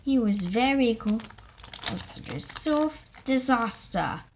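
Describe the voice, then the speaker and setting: Slow halting woman reading a story. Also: fairly high pitch, lively intonation, background noise. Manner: halting, stumbling over words. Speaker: reader. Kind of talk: reading a children's train story aloud.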